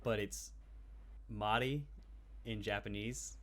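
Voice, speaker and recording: A young man with a somewhat low voice tells a rambling, casual anecdote to friends. His talk is loose and filled with "uh"s and swear words. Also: steady tone, slow. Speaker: podcast co-host telling a story. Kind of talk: casual storytelling chat.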